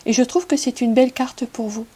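A woman giving a tarot reading to her viewers, speaking gently and unhurriedly with many pauses. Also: fairly high pitch, husky, poor audio. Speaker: tarot card reader.

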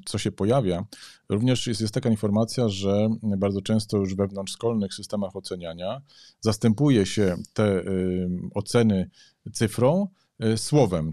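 Deep, mellow-voiced man musing hesitantly. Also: normal speed, no echo, clean studio sound. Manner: searching for words, hesitant, many "y" fillers. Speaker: podcast co-host. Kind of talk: conversational podcast discussion.

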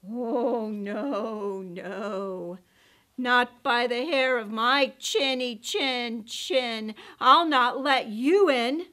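Woman voicing a calm, sensible little pig. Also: fairly high pitch, extremely slow. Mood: defiant.

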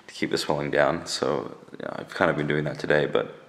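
Very deep, gravelly young man, sore jaw. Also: fairly quick. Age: young adult. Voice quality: gravelly, creaky voice. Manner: deadpan, dryly joking. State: swollen, sore jaw after wisdom teeth removal. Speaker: vlogger. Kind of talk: casual rambling vlog. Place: indoors at home. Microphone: handheld camera at arm's length.

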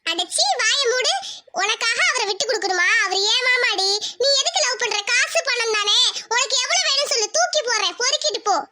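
A woman's voice: very high-pitched, lively intonation, fairly quick. A woman voicing an arrogant rich village girl in a cartoon, taunting and threatening her rival. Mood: scornful. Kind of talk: cartoon voice acting.

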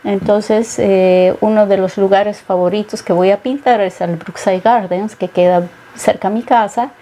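A middle-aged woman from Peru talks slowly about her painting as an interview guest. Her voice is mellow and warm, and she pauses often with thoughtful fillers. She sounds close on a lapel mic in a studio set. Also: mid-range voice, steady tone. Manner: thoughtful, many hesitations. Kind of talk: interview conversation.

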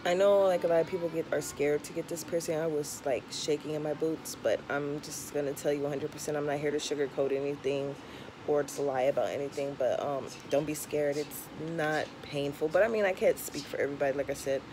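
A woman's voice: deep voice, steady tone, fairly quick. A young woman with a slight lisp from a tongue piercing, chatting frankly and casually as she gives advice to camera. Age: young adult. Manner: frank, conversational advice-giving. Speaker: vlogger. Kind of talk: casual vlog chat. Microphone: camera or phone at arm's length. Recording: clear background noise, home camera recording.

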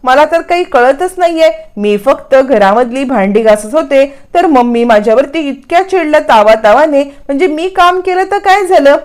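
A meek young daughter-in-law asks plaintive questions in a high, lifted voice, as a woman storyteller puts her on. She sounds bewildered and pleading. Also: animated, moderate pace, hardly any pauses, darkish tone. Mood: puzzled.

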